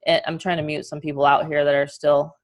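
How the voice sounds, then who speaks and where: Female webinar coach, New York accent, slightly low voice. Chatty, upbeat motivational delivery, informal and high-energy. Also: flat delivery, brisk. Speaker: online marketing coach and host. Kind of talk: casual webinar training and motivational talk.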